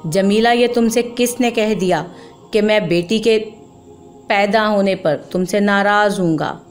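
A woman voicing a calm, loving young husband who speaks tenderly and reassuringly, over faint music. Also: mid-range voice, measured pace, lightly acted.

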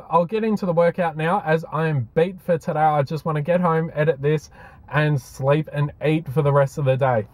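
Casually chatting and commenting on workouts, an Australian fitness vlogger in his twenties speaks in a slightly high voice. The recording is dry.

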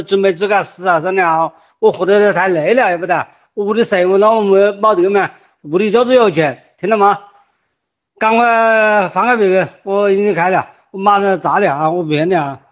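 A man's voice: high-pitched, lo-fi sound. An older man with a Wuhan accent leaving a recorded phone voice message, agitated and desperate, repeating himself as he pleads and threatens. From Wuhan, China. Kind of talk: voice message left for officials.

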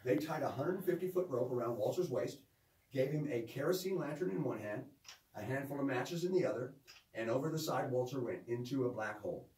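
A man's voice: medium pitch, expressive, a little fast, a little mellow. A man working as a tour guide, narrating informally to a group in a folksy storytelling way with courteous directions. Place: underground cavern with narrow passages. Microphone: visitor's handheld phone, several metres away. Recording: echoey cave, distant phone mic, faint noise.

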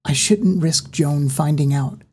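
A woman reading an audiobook, voicing a guarded, secretive middle-aged father who speaks in a hushed way. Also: sits low, unhurried, slightly rough.

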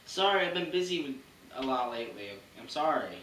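A man's voice: a little high, lively intonation, a little fast, a bit bright, far from the mic. A young man acting in an amateur comedy sketch, speaking in an apologetic way. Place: room in a house. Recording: echoey home room, off-mic, faint noise.

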